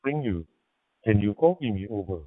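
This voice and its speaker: A man's voice: lowish voice, expressive, no room sound. Man on a radio line breaking up. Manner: hesitant, halting with fillers. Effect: radio signal breaking up. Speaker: amateur radio operator. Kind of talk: radio call. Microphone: digital radio over a hotspot. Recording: tinny narrow radio line.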